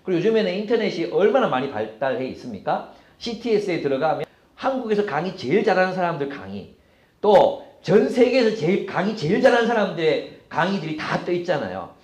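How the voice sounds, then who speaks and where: Male pastor preaching, high lively voice, lots of rhetorical questions, echoey church sound. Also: brisk. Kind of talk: sermon. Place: church sanctuary.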